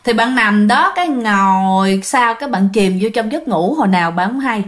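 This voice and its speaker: A woman with a medium-pitched, expressive voice tells a ghost story at a normal pace, in a casual, chatty way that often speaks straight to her listeners.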